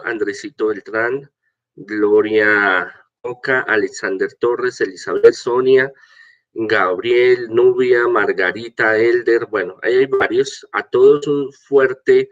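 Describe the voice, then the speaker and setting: An older man speaks as a senior priest addressing his flock and reading scripture. His voice sits at a middling pitch, and he moves along haltingly, stumbling and repeating words. The recording is dull and low in fidelity. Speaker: archbishop leading an online prayer and gospel reading. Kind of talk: informal greetings, preaching and scripture reading. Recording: dull, lo-fi sound.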